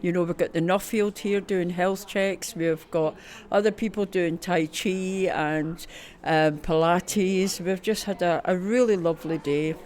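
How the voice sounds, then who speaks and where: A woman's voice: on the low side, fairly even intonation, unhurried, hardly any pauses, a little mellow. A woman with a broad Scottish accent, chatting enthusiastically as an event organiser in a casual interview, often repeating words. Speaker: festival organiser being interviewed. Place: busy festival venue at a football ground.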